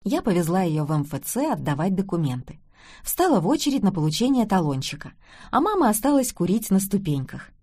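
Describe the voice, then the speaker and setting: A woman's voice: medium pitch, big pitch swings, brisk, darkish tone. A middle-aged woman narrating a family story in first person, with wry, dry humour.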